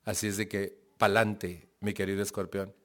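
A man voicing God as a calm, fatherly male voice that speaks gently and reassuringly, quoted inside a spoken testimony. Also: lowish voice, moderate pace, lightly acted. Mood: encouraging.

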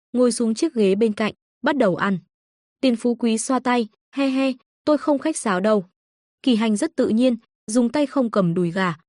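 A woman reads an audio novel in a steady, even storytelling voice. Her pitch sits a little high. The recording is dry and close, with no room sound. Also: dry recording. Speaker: narrator. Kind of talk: scripted audiobook narration.

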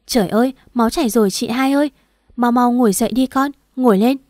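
A motherly older matron who scolds gently and comforts, as a woman puts her on. The voice is warm and mellow, and the sound is dry and close. She is part of a storybook reading. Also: mid-range voice, normal speed, dry recording, lightly acted. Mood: alarmed. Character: kind-hearted older third wife of the house.

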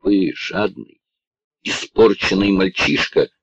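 Guy doing a cold stern gentleman, clipped and bossy, husky low voice, muffled sound. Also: fairly even intonation, slow pace, heavily acted.

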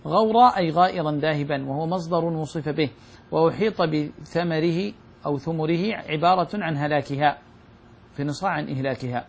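Fast-reading man with a gravelly voice. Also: a little high. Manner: quick steady reading, slowing to quote verses. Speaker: student reading the text aloud. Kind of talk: reading a classical commentary aloud.

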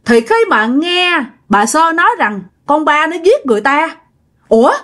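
A woman tells a ghost story in a chatty, conversational way, often turning to her listeners. Her voice is high and moves widely in pitch. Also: animated, moderate pace, fairly bright tone. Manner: chatty, addresses listeners directly.

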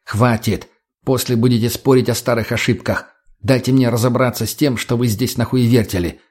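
A man's voice: medium pitch, steady tone, moderate pace, darkish tone, close to an everyday voice. A man voicing a stern, commanding male group leader who barks firm orders.

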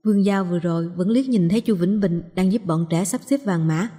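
Woman, story narrator, steady, measured, mellow tone, long reverb. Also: on the low side, husky. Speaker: audiobook narrator.

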